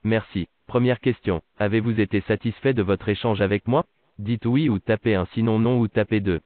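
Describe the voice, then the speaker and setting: A man's voice: lowish voice, fairly even intonation, moderate pace. A synthetic male voice playing an automated customer service voicebot that speaks polite, formulaic prompts over a phone line. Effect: synthetic text-to-speech voice. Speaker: virtual customer service agent. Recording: tinny dry phone line.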